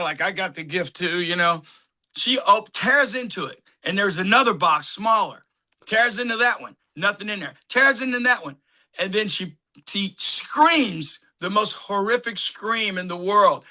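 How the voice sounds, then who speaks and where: A man, an actor guest, telling lively anecdotes and acting out what others said, laughing often. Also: high voice. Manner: animated anecdotes, acts out quotes, laughs often. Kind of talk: casual storytelling.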